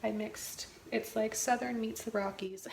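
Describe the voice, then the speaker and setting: A woman giving a casual step-by-step painting tutorial as a gentle, easygoing instructor. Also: fairly high pitch, fairly even intonation, unhurried, vocal fry. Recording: roomy echo, faint background noise.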